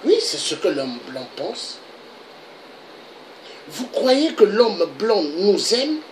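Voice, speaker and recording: Man, political video monologue, unhurried, animated declamatory delivery. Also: high-pitched, a little hiss or hum, poor audio. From Republic of the Congo. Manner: declamatory, with repeated rhetorical questions.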